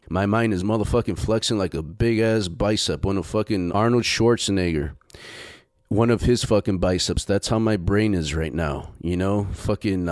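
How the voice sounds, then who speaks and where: A man who owns businesses, giving a profane, emphatic motivational talk in an unhurried way. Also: fairly low pitch, darkish tone, smooth, no echo, clean studio sound. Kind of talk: motivational monologue.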